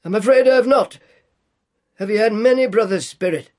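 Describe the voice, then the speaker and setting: A man voicing an old male miser, timid and submissive, with a strained, high, pleading delivery. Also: normal speed, a little mellow, no room sound, studio quality, close to an everyday voice.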